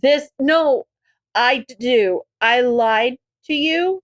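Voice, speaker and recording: A woman's voice: high voice, no room sound. A woman voicing an anxious, guilt-ridden teenage boy who stammers and halts as he speaks. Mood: nervous guilt. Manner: stammering, halting.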